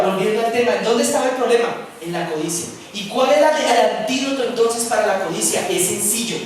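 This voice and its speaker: Lively preacher in an echoey hall. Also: male voice, very high voice, slight background noise. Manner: lively storytelling, acting out scenes with questions to the audience. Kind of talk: sermon. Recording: echoey room, speaker far from mic.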